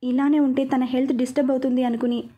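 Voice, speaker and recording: A woman narrating a romantic story in a calm, even storytelling manner. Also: high-pitched, fast. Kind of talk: scripted narration.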